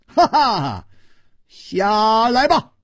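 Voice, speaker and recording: A man's voice: high voice, big pitch swings, extremely slow, slightly rough, dry recording, clean studio sound, voice pushed up, exaggerated voice. A man voicing a suave, playful male swordsman hero in a storybook reading, with a raised, laughing, teasing voice.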